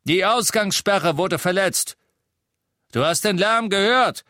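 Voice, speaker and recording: Menacing male dark wizard henchman, stubborn, blunt, put on by a male narrator. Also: on the high side, expressive, measured pace, no echo, clean studio sound, pitched above the performer's own voice. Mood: threatening. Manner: blunt, threatening.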